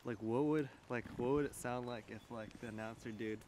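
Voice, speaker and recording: A man's voice: mid-range voice, fairly even intonation, brisk, background noise. A man talking casually as a video project collaborator, rambling with many fillers and restarts. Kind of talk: casual chat.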